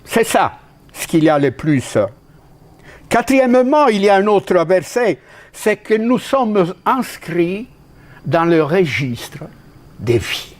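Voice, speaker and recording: A man from Italy preaches a sermon in a noticeably high voice, with a clear Italian accent. He speaks slowly and deliberately, leaping up and dropping down in pitch to stress points. His phrases often stop and restart mid-thought. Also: big pitch swings. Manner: emphatic, with sudden pitch leaps and drops and halting restarts.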